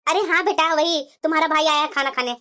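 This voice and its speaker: A woman's voice: sits high, fairly even intonation, fast talker, very noisy, lightly acted. A woman voicing a sarcastic, nagging older mother-in-law in a cartoon. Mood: scolding. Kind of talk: Hindi cartoon voice acting.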